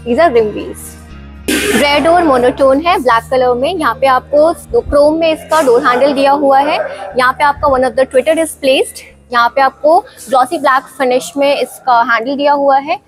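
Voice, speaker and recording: A woman's voice: high voice, a little slow, music in the background, low-quality recording. A woman with an Indian accent narrating a walk-around car review, mixing English phrases in and explaining each feature in turn. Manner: mixes Hindi with English phrases.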